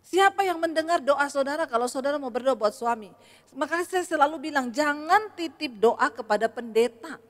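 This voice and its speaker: A woman's voice: high voice, lively intonation, normal speed, a bit bright. A woman pastor preaching a sermon in a humorous, conversational way and speaking straight to her congregation. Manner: addresses the audience directly. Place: church hall. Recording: echoey church hall.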